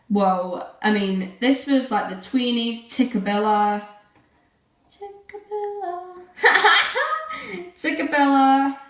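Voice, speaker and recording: A teenage girl chatting casually to camera in a rambling way, full of fillers. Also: mid-range voice. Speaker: vlogger. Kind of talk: casual vlog chat. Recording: roomy, from a distance.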